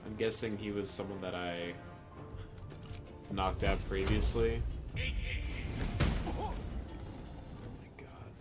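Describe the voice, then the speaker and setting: A man giving casual live commentary on a video game, musing aloud in a halting way as he plays. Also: on the low side, fairly even intonation, loud music behind the voice. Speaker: game streamer.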